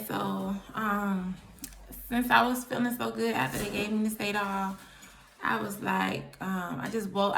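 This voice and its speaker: A young woman, telling a personal story to her viewers in a chatty, animated way. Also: medium pitch, gravelly, slight background noise. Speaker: vlogger. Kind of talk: casual storytelling to camera. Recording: echoey room.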